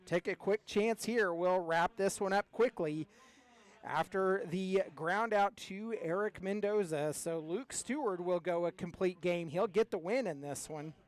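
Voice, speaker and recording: High-voiced man calling baseball. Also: a little slow. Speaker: baseball play-by-play announcer. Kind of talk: live sports commentary.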